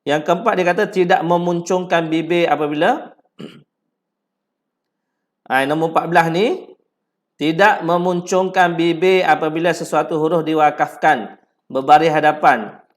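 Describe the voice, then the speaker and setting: A man with a Malaysian Malay accent teaching Quran recitation, repeating words slowly syllable by syllable to correct pronunciation and breaking into drawn-out chanted verses. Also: on the high side, fairly even intonation.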